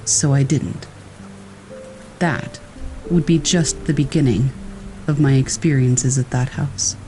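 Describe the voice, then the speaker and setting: A man reading true scary stories aloud in a calm, measured storytelling manner. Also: mid-range voice, over music, poor audio. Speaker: horror story narrator.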